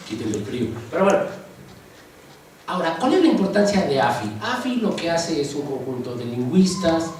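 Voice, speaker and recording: A man's voice: fairly high pitch, big pitch swings, normal speed, long pauses, a little mellow, a little hiss or hum. A man with a Mexican accent giving a university linguistics lecture in a chatty teaching manner, checking in with the class often. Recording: echoey classroom, mic far off.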